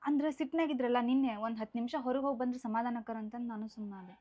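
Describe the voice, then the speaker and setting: Soft, high, fast-talking young wife. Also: female voice, fairly even intonation. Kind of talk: rural family drama acting. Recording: slightly dull sound with violin music.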